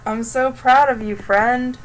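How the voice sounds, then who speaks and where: A young woman streaming while she chats with a friend, friendly and relaxed as she tells stories. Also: a little high, slow pace, noisy background. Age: young adult. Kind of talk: casual chat.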